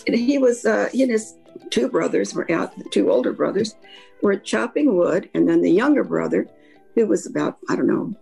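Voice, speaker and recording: A woman's voice: medium pitch, lively intonation, moderate pace, creaky, dark tone, slightly rough, soft background music, rough recording. An older woman with a slight Kentucky accent, telling anecdotes in a reflective, rambling way as an interview guest. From Kentucky, Appalachia. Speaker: interview guest, author and academic.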